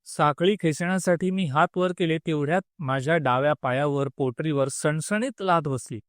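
A man narrating a story in an expressive reading that acts out the dialogue. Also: fairly high pitch, normal speed, dry recording, clean studio sound.

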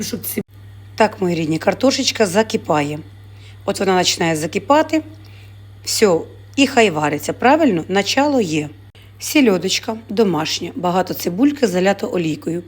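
A woman's voice: medium pitch, expressive, a little fast. A woman who sells fish, chatting in a casual cooking vlog from her home kitchen. She talks to her viewers affectionately and fills her speech with diminutives. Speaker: fish vendor and vlogger.

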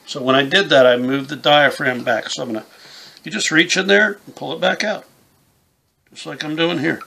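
A man in his fifties with a slightly high, creaky voice gives a casual, plain-spoken hands-on tutorial at normal speed, walking through things step by step. He's an instructor and game call maker, filmed in a small indoor room with a camouflage backdrop, with background noise audible.

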